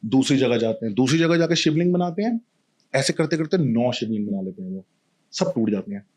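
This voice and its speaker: A man's voice: medium pitch, brisk. A man telling a mythological story casually, full of animation and voicing each character himself. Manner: animated, acts out every character.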